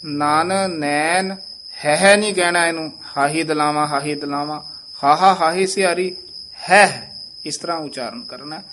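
A man teaching how to pronounce scripture, who says each phrase slowly and then explains the correction. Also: a little high, pushed and bright, a little hiss or hum. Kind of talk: pronunciation lesson.

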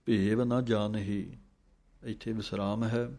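A man teaching scripture recitation. He chants verses slowly, then explains pronunciation in quicker speech. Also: on the low side, level tone, a little mellow.

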